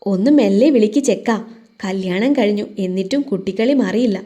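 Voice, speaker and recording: A woman's voice: medium pitch, fairly quick, warm tone, highs cut off, lightly acted. Woman playing a scolding fond mother. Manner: scolding, affectionate.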